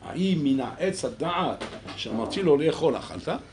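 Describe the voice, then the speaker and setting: A man, a rabbi, giving a recorded Torah class, animated and acting out dialogues between figures, mixing in Hebrew terms. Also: fairly high pitch, a little slow, slight background noise.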